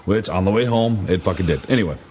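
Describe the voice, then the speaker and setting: A man's voice: low-pitched, quick pace, a little mellow, slight background noise. A man co-hosting a casual podcast, grumbling sarcastically and swearing often. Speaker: podcast co-host. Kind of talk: casual chat.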